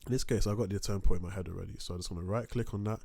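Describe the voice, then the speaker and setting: A man's voice: on the low side, steady tone, rapid-fire, vocal fry, warm tone, husky, no echo, studio quality. A young man giving a casual beat-making tutorial, rambling with lots of fillers and restarts, sometimes drifting off his desk mic. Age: young adult. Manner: rambling, filler-heavy, self-interrupting. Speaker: music production tutor. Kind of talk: casual screen-recorded tutorial. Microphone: desk microphone, sometimes turned away from.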